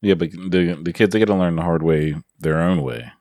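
Deep-voiced blunt man, sarcastic. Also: moderate pace, darkish tone, no room sound, studio quality. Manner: blunt, sarcastic, laughs often. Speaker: podcast co-host. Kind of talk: casual chat. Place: bedroom at home.

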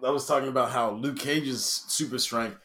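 A man's voice: mid-range voice, moderate pace, pushed and bright. A man co-hosting a podcast, talking in a loose, rambling, profane way about comic book powers. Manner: profane, rambling, laid-back. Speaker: podcast co-host. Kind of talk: casual chat.

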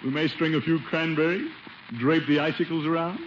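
An actor playing the Great Gildersleeve, a jolly, pompous middle-aged American uncle in a 1950s radio sitcom, hearty and theatrical. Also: male voice, fairly high pitch, steady tone, a little fast, lightly acted. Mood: boastful, avuncular. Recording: muffled old radio broadcast with hiss.

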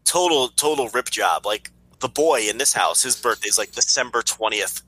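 A tired man co-hosts a podcast in casual, rambling banter. His voice is forceful and jumps around in pitch as he gripes bluntly, swearing and repeating phrases. The sound is close and dry. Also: expressive, normal speed, dry recording, rough recording. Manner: blunt, profane, exasperated griping. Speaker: podcast co-host.

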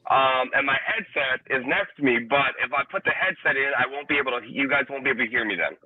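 A man in a casual group chat, speaking quickly and matter-of-factly through a phone earpiece with tinny, phone-like sound. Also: medium pitch.

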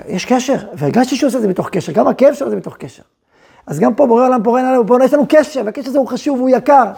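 Gravelly, husky man teaching Torah. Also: very high voice. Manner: animated, acts out quoted speech and asks rhetorical questions. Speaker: yeshiva head rabbi teaching. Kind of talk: Torah lesson.

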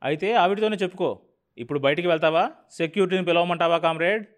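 A man's voice: fairly high pitch, lively intonation, normal speed, pitched above the performer's own voice, lightly acted. A man doing a brash, bullying TV boss. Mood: domineering. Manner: brusque, mocking, domineering. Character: brash scheming male TV channel boss.

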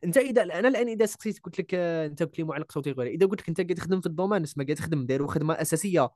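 Fast-talking Algerian man, emphatic. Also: a little high, expressive, darkish tone, dry recording, studio quality. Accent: Algerian Arabic. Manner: emphatic, repeats key words, mixes in French and English. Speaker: voice-over artist, guest. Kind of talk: casual interview chat.

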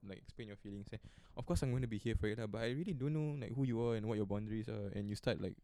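A young Singaporean man chats on a podcast in easygoing Singlish. His voice is dark and relaxed with a gravelly creak, recorded dry. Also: on the low side, rapid-fire, no room sound. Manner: colloquial Singlish with lah and sia particles. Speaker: podcast host. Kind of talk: casual chat.

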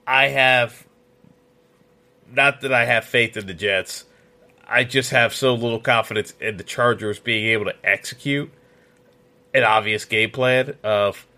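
Bright-voiced man giving opinionated sports picks. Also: medium pitch. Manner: opinionated, frequent fillers and restarts. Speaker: podcast host. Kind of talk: solo sports betting podcast.

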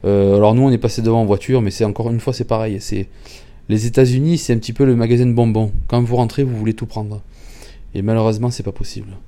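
Halting French travel vlogger, dark voice. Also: male voice, on the low side, steady tone. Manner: halting, many restarts and repeated words. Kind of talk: casual travel recap.

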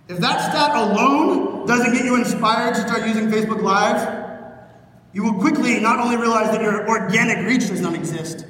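High-voiced man speaking in an echoing hall. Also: fairly bright tone, slight background noise. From Pittsburgh, Pennsylvania, USA. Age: 30s. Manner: fast, punchy, joking with the crowd. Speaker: keynote speaker. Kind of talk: energetic conference keynote. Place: large conference hall stage. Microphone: phone recording from the stage. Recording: distant, echoey hall recorded on a phone.

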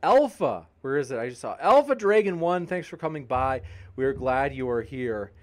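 A man's voice: medium pitch, big pitch swings, moderate pace. A man hosting a debate channel's live stream, reading viewer comments aloud and joking with the chat in an upbeat way. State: tiring, pausing to drink.

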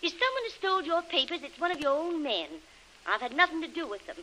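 A woman's voice: very high voice, sing-song, quick pace, bright, forceful tone, slight background noise, full character voice, low-quality recording. An actress playing a scheming young woman who feigns innocence with a put-on Southern belle drawl in a 1930s radio drama. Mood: indignant.

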